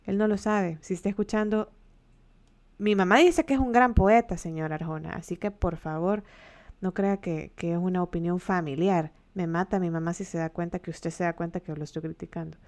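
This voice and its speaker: A woman's voice: on the low side, steady tone, normal speed, darkish tone. A woman with a Mexican accent chatting casually on a livestream, joking with her viewers and laughing often.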